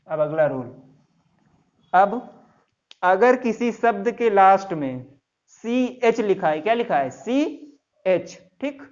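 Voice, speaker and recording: A man's voice: high-pitched, expressive, slow, pauses often. A man teaching English grammar to a class, spelling words letter by letter and quizzing students with repeated questions. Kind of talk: classroom lesson. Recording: dull lo-fi sound.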